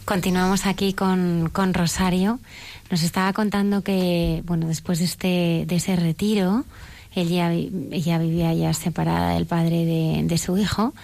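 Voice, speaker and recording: A woman hosting an interview, recapping her guest's story in a measured way with small restarts. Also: on the low side, level tone, creaky, darkish tone, no room sound. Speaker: interviewer and show host.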